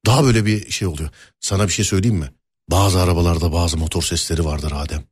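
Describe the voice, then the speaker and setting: A man hosting a casual talk show, telling stories and joking in an animated way. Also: low-pitched, fast talker, husky, no room sound, clean studio sound. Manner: animated, jokey storytelling. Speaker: host. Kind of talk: casual chat.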